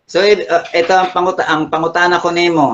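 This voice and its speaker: A man's voice: sits high, little pitch movement, quick pace, fairly bright tone, dull audio. A pastor with a Filipino accent questioning his opponent in a debate, rereading verses to press his point.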